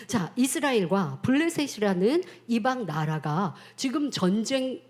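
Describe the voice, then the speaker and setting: A woman pastor tells a story in a children's sermon, speaking straight to the kids. Her voice is fairly high and swoops all over in animated storytelling. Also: unhurried.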